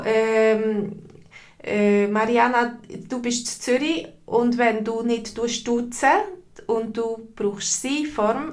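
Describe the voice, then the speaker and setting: Slow, patient Swiss German woman teacher. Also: mid-range voice. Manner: patient, repeats slowly and greets chat viewers. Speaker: language teacher. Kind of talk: live online language lesson.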